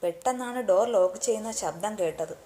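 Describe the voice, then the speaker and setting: A woman reads a love story aloud as narrator, keeping a steady, even storybook pace. Her voice is mellow and dark-toned, pitched in the middle of the range. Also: fast, a little hiss or hum.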